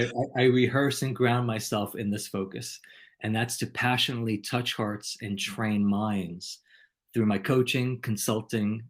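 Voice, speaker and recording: A man hosting a podcast and being interviewed, talking in an ornate, playful way. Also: fairly low pitch. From New York.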